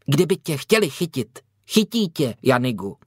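A piping little boy of about six, earnest and a bit smug, lectures his older brother in a storybook, as a male narrator puts him on. His voice sits noticeably higher than an adult's and is recorded dry and close. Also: no echo. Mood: knowing. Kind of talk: audiobook character voice.

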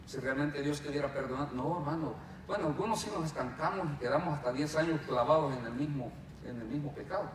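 A male pastor, preaching a sermon with rhetorical questions and acted quotes. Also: mid-range voice. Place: church hall. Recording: very echoey hall, distant mic, faint hiss.

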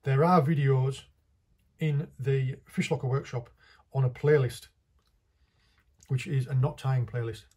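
Man, thirties, husky voice, practical hands-on tutorial, small workshop room. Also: medium pitch, steady tone, unhurried, long pauses, a little mellow. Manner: chatty, practical, talks while working with his hands. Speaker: fishing tutorial host. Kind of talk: casual hands-on demonstration.

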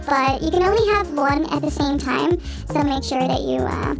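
A woman's voice: moderate pace, creaky, over music. Woman through a chipmunk voice effect. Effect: high chipmunk pitch-shift voice effect. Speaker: streamer demonstrating an audio interface. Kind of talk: casual demo talk.

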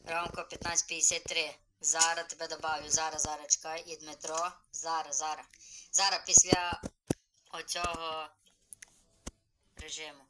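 A man live-streaming a game, chatty and excited, greeting viewers as he plays. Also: on the high side, normal speed, noisy background.

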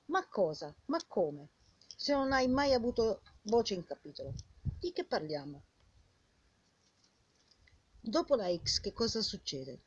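Husky older woman, scolding. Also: medium pitch, darkish tone, no room sound. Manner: indignant, scolding, rhetorical questions and repeated phrases. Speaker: vlogger. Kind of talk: impassioned informal monologue addressed to the viewer. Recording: dull lo-fi sound.

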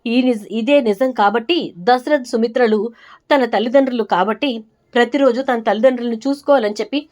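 Earnest pleading son, read by a woman, higher voice. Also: a little fast, a little mellow, natural voice. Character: grown son, pleading and reasoning with mother.

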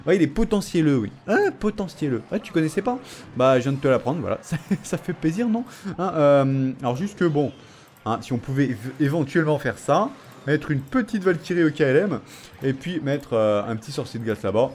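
A young man jokes his way through his own gameplay, teasing the viewer and his opponent. His slightly high voice swings up and down a lot. A faint hiss sits under the recording. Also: animated, fairly quick, darkish tone. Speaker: gaming YouTuber. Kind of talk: casual gameplay commentary. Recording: faint background noise.

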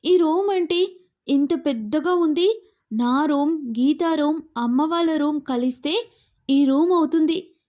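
A woman voicing a brash, feisty young woman who shouts and argues without fear. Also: a little slow. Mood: bewildered. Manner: shrill, shouting.

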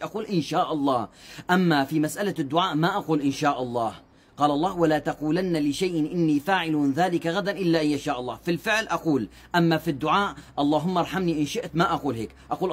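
A male preacher talks in a high voice, in short religious advice segments. He speaks fast and earnestly, explaining points and reciting quoted sayings at length. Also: fairly bright tone, slight background noise. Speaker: Islamic preacher.

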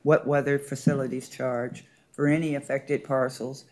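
Chairing a formal meeting as board president, a man reads agenda items and calls motions and votes. His medium-pitched voice is level and a little mellow at a moderate pace, though the audio quality is poor.

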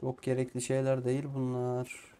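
A medium-pitched man speaks in a monotone at a moderate pace, his voice smooth and dark. As a gameplay streamer, he plays a survival game with casual let's play commentary, addressing himself and the characters on screen and swearing at the game often because he's frustrated.

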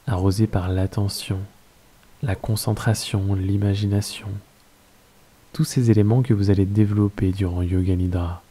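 French male meditation guide, deep and soft-spoken, slow calm delivery. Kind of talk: guided yoga nidra meditation.

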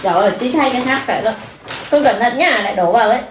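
High voiced mom chatting at a family mukbang, playful n teasing, echoey room w background noise. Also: female voice, expressive, fast talker. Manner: playful, teasing, coaxing a small child. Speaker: mother hosting a family eating challenge. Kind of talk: casual family chat during a mukbang. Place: home kitchen, indoors. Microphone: camera across the table.

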